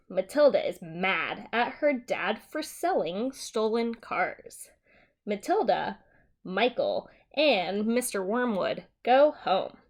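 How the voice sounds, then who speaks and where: Speaking at a medium pitch, a woman teacher reads aloud a simplified story for young children, explaining it in a deliberate, simple way.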